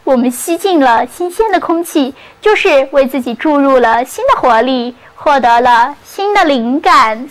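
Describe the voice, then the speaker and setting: High-voiced woman teaching English words slowly. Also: fairly bright tone, rough recording. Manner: spells words letter by letter and repeats example sentences slowly. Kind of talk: scripted vocabulary lesson.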